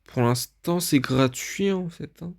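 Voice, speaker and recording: A man talks through a mobile game in a slow, unhurried way, stopping often to puzzle over what he sees. His voice sits a little higher than most men's, and his casual commentary stays hesitant and searching. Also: vocal fry. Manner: thinks aloud, hesitant, often unsure. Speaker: gaming video creator. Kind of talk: casual let's-play commentary.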